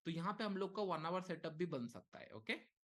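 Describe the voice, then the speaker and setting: A man leading a live market lesson, talking casually and thinking aloud, with frequent okays and short pauses. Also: high-pitched, animated, a bit bright. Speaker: trading instructor. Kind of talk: live market teaching session.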